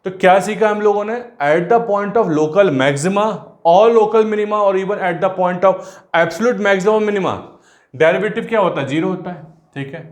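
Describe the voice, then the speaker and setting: A man's voice: high voice, slow pace, reverberant. A man teaching a math class online, switching between Hindi and English, calling the students "beta" as he writes out the working. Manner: mixes Hindi and English, addresses students as beta, talks while writing.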